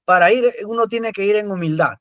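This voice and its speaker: Emphatic preacher, high voice. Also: male voice, brisk, no echo, highs cut off. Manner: conversational, emphatic preaching with rhetorical questions. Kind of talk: sermon.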